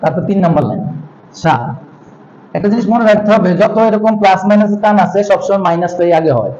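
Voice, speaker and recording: High-voiced man teaching, dull recording. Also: a little mellow, a little hiss or hum. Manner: explains step by step, repeats syllables aloud slowly. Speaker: language teacher. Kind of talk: classroom lesson on writing. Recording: dull lo-fi sound.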